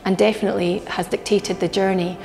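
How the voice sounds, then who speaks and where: A woman's voice: mid-range voice, little pitch movement, fairly quick, gravelly, darkish tone. A middle-aged woman, a hotel director, speaking earnestly in a filmed workplace interview, with frequent ums and restarts. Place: indoor hotel bar. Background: background music.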